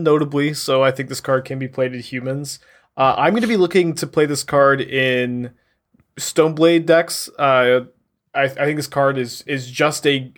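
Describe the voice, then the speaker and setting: A man's voice: medium pitch, a bit bright. Analytical podcast guest man. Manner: thoughtful, analytical, many ums. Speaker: guest deck builder. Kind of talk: casual podcast chat.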